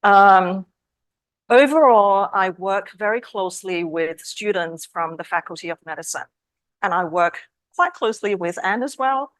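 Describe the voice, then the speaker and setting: A woman's voice: mid-range voice, expressive, a little slow, no room sound. Friendly woman raised in Australia. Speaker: English language teacher. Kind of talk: panel self-introduction.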